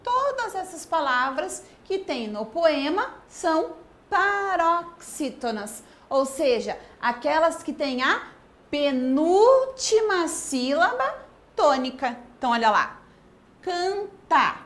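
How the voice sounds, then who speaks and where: A woman teacher from Brazil giving an online grammar lesson, dictating words slowly and asking the class questions. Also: sits high, sing-song. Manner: slow, drawn-out word-by-word dictation.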